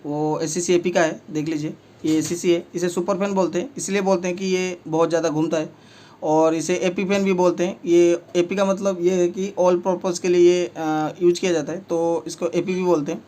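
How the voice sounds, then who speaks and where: A man's voice: high voice, flat delivery, moderate pace, dark tone. A man with speech, a repair technician who explains each step of fixing a table fan in a plain way, with many fillers. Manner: speaks while working with his hands.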